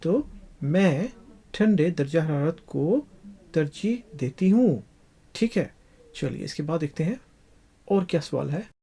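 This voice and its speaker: A teacher walks through an English lesson at an unhurried, deliberate pace, repeating every phrase and stretching out each English example. The voice is warm and somewhat husky, with a lively rise and fall in pitch.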